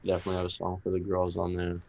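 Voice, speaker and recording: A man's voice: low voice, completely flat delivery, rapid-fire, creaky, darkish tone. A young man with a Boston accent, a rapper guest talking casually and rambling with lots of fillers. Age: young adult. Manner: laid-back, rambling with many fillers. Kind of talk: casual interview chat.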